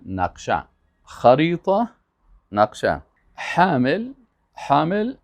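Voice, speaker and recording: A man teaching Arabic, repeating each word slowly and emphatically, then adding quick explanations. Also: medium pitch. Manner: slow, emphatic word-by-word repetition with quick asides. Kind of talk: language lesson, drilling vocabulary.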